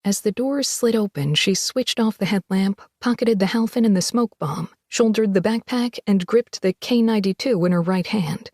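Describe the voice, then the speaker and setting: A woman reading a science-fiction story aloud in steady, measured scripted narration. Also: mid-range voice, no echo, studio quality. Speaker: audiobook narrator.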